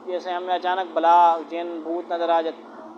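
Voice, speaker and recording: A man's voice: a little high, completely flat delivery. A man teaching Quran letter pronunciation, asking rhetorical questions and repeating letter sounds aloud. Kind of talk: classroom lesson on letter pronunciation. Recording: dull lo-fi with faint noise.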